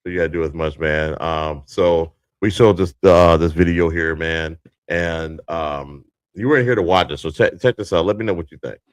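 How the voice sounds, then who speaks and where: A man's voice: low-pitched, steady tone, normal speed, hardly any pauses, smooth, no echo. A man co-hosting a casual live podcast, laid-back and slangy, laughing often. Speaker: podcast co-host. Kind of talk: casual live-stream chat.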